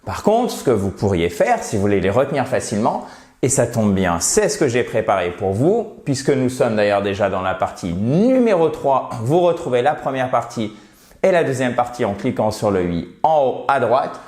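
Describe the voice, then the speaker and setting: A man explaining English irregular verbs in a patient lesson, slowly repeating example sentences. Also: medium pitch, very animated, a little mellow, reverberant. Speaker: English teacher. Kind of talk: French-language English grammar lesson.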